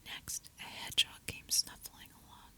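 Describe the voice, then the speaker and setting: A woman reading a children's storybook aloud as an ASMR storyteller in a soft, unvoiced whisper, close to a binaural microphone. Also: normal speed.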